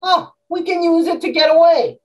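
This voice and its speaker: A woman's voice: very high-pitched, moderate pace. A woman playing a sly male convict underling with a wheedling, whiny manner.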